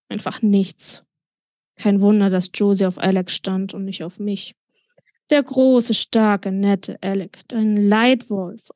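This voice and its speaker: A woman reads a passage from her own novel aloud in a calm, even narrating voice. Her voice sits at a middle pitch for a woman. The recording is dry and close, with no room echo. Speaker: author reading her novel. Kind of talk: audiobook-style reading.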